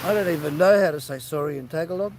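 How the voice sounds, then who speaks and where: A man's voice: a little high, quick pace, background noise. An Australian man chatting easygoing to viewers on a live stream, greeting them by name. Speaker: livestream host. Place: outdoors by the sea.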